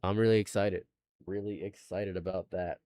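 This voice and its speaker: A man's voice: sits low, fairly even intonation, moderate pace, dark tone, no room sound. A man in his late twenties, a live streamer chatting casually, rambling and repeating himself, laughing often. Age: late 20s.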